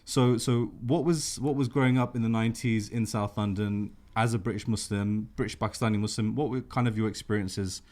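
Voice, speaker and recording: Host read: man, lowish pitch, enthusiastic and rambling, casual interview chat. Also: fairly even intonation, brisk, hardly any pauses, darkish tone. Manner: enthusiastic, full of fillers and restarts. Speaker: podcast host.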